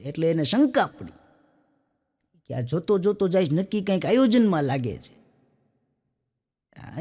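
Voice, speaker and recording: A man's voice: on the high side, darkish tone. A man from Saurashtra telling stand-up jokes, with a Saurashtra Gujarati accent and a folksy storytelling style. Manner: folksy storytelling with punchline asides. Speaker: stand-up comedian. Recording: long hall reverb.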